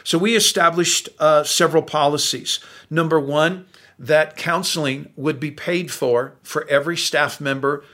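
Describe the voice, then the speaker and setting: A man's voice: on the high side, steady tone, measured pace, fairly bright tone. A pastor in his sixties preaching a sermon in an earnest, folksy way, speaking straight to the men in the room.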